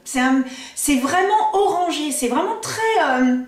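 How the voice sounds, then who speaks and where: A woman's voice: high-pitched, lively intonation, a little slow, reverberant, far from the mic. A woman vlogger chatting enthusiastically through a makeup tutorial, with lots of fillers.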